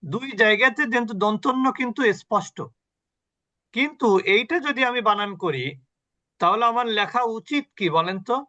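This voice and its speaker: A man teaching Quran recitation rules in an online class, explaining patiently, quizzing his students and chanting example words slowly. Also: very high voice, sharp tone, lo-fi sound. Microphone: video call.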